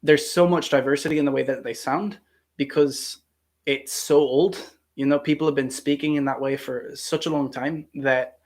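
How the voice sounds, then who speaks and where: This Ohio actor's voice runs on the high side and sounds a bit bright, with a standard American accent. Hosting a live Q&A, he chats casually and eagerly on the livestream, stumbling through plenty of fillers and restarts.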